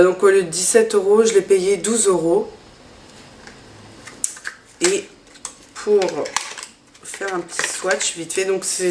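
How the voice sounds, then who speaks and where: A woman's voice: fairly low pitch, darkish tone, reverberant. A woman vlogger chatting casually through a makeup haul, hesitant, with many fillers. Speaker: beauty vlogger.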